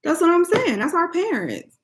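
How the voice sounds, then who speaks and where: A woman's voice: extremely high pitch, sing-song, normal speed. An American woman talking casually and candidly in a vlog, informal and opinionated, swearing freely. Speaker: vlog co-host.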